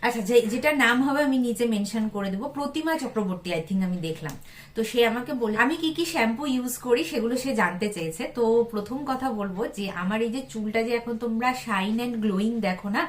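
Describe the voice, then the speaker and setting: With a voice on the high side and a little hiss or hum in the recording, a young West Bengali-accented vlogger narrates her everyday life. She talks to viewers casually and familiarly, slipping English words into her speech.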